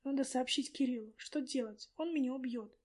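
A woman's voice: sits high, fairly quick, darkish tone. A woman reading a storybook part of a frantic young woman who pleads in tears for her lost charges. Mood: anxious inner talk. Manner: pleading, breathless, tearful.

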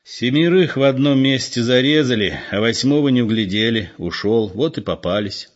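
A man's voice: mid-range voice, expressive, moderate pace, highs cut off, pitched above the performer's own voice, lightly acted. A man reading aloud voicing a mild-mannered but sardonic ex-convict. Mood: wry.

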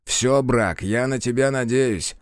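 A man voicing a gruff, short-tempered male general in his seventies who speaks slowly and barks orders in an audiobook. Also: mid-range voice, dry recording, studio quality, close to an everyday voice. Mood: stern. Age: 70s. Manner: slow, clipped, barking orders.

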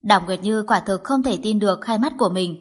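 Casting: a woman narrator with a husky, breathy voice for a steady audiobook reading. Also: medium pitch, brisk.

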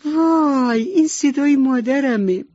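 A woman voicing a small, timid baby duckling in a small, high, worried voice. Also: steady tone, warm tone, no echo, lightly acted. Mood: joyful. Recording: dull radio recording, faint music.

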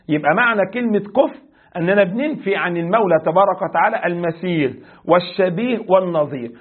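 An Egyptian man teaching a religious lesson in a high, husky voice. He explains point by point, recites verses and asks his class questions. The sound is tinny and phone-like, as if from a lo-fi recording. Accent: Egyptian Arabic. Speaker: sheikh teaching a creed text.

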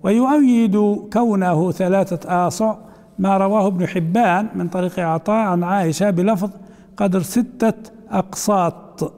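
A man's voice: high voice, moderate pace, mellow, big-room sound. A man teaching a hadith commentary, reading the text aloud, then explaining it in colloquial asides and putting questions to his class.

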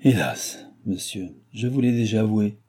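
Man playing a shy trembling young man, hesitant, humble, dark husky voice. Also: lowish voice, moderate pace, lightly acted. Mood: timid. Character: timid, sighing young man of modest station.

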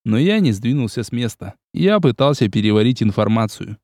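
Dark-voiced male audiobook narrator. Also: medium pitch, fairly quick, no room sound, clean studio sound. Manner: calm, even storytelling. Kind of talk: scripted narration.

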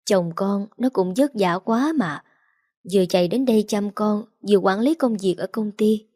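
A woman's voice: mid-range voice, normal speed, a little mellow, dry recording, clean studio sound, lightly acted. Woman reading as a firm, caring mother. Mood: concerned. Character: worried middle-aged mother, gentle and firm.

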